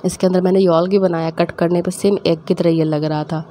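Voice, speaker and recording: A woman's voice: on the low side, fairly even intonation, warm tone, slight background noise. A young woman, chatting casually as she cooks and tells family stories, laughing often and acting out her mother's scolding. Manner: acts out her mother's scolding in quick quoted bits. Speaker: cooking vlogger. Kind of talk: casual storytelling while cooking.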